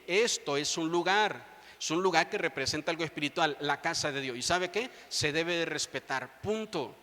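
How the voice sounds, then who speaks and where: High, bright-voiced pastor preaching. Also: male voice. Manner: preaching with rising fervor, direct appeals to the congregation. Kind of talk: sermon. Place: large church hall. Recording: long church reverb.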